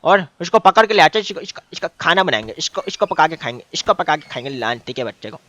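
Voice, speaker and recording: A man streaming a game role-play, loud and bossy, teasing and shouting at his friends. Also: fairly high pitch, very animated, fast, lo-fi sound.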